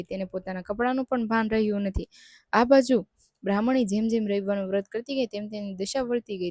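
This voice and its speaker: A woman narrating a devotional folk tale in a steady, measured reading. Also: medium pitch, no echo, studio quality. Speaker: storyteller.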